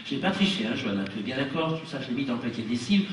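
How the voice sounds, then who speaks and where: A man's voice: medium pitch, expressive, racing. A man performing as a children's party magician, addressing the kids with showman's patter and exclamations. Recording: roomy, distant, noisy live show recording.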